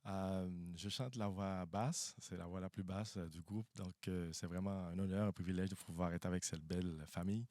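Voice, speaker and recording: A male bass singer of Haitian and Venezuelan origin, speaking softly with many fillers. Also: fairly even intonation, normal speed, few pauses, no room sound.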